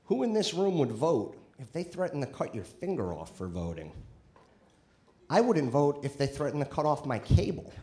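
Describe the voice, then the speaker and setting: A man's voice: on the high side, sing-song, normal speed, mellow. Man doing crude stand-up comedy. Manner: conversational, crude punchlines, riding laughs. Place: comedy club stage.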